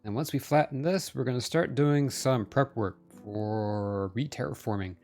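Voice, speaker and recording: A man with a mid-range voice speaks at a normal pace, chatting casually with viewers on his live game stream. He talks right to chat and makes fun of himself. Soft background music accompanies his headphones-and-desk-mic audio.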